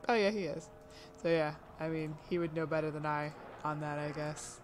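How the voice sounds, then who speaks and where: On a live stream, a woman with a husky, low voice chats casually with her online audience, rambling, trailing off, restarting, and laughing often. Her tone is steady and her pace moderate, with a bit of hiss or hum in the audio.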